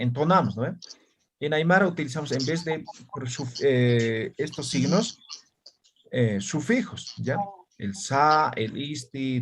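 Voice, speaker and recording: A man's voice: mid-range voice, slight background noise. A man teaching an online language class, explaining patiently and checking often that students follow.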